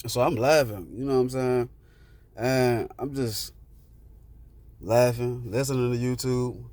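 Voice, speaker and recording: A man's voice: medium pitch, fairly even intonation, measured pace, darkish tone, dry recording. A man telling a rambling personal story in casual street slang with plenty of swearing, sitting in a parked car.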